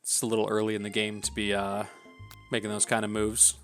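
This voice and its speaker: A man's voice: fairly low pitch, monotone, brisk, fairly bright tone. A man hosting a let's play, reading a dating game aloud with wry, self-deprecating asides. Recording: faint background game music.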